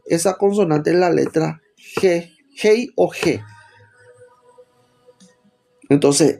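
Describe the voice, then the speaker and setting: A man's voice: sits high, warm tone. A man with a Rioplatense Spanish accent preaching a teaching sermon, stopping often to put rhetorical questions to his listeners.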